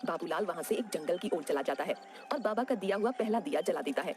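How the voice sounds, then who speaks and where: Fast-paced woman narrating a cartoon story. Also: fairly low pitch, lively intonation, a little mellow, soft background music.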